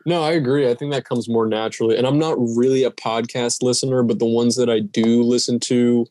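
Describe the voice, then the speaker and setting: A man's voice: mid-range voice, fairly even intonation, brisk, dark tone, no echo, studio quality. A man in his twenties co-hosting a casual podcast chat, rambling with many restarts and fillers. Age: 20s. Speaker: podcast co-host.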